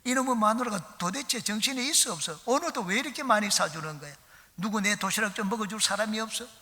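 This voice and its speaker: Brief: man putting on a shouting, grumbling farm foreman, raised pitch, bright forceful tone, church hall reverb. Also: fast talker. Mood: gruff grumbling. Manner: shouting, feigned annoyance. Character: gruff grumbling male farm foreman, loud and blustering.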